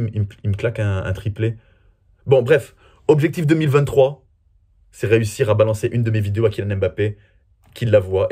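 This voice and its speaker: Chatty, self-mocking man with a husky voice. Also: mid-range voice, dark tone. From France. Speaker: comedy video creator. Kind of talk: casual Q&A vlog.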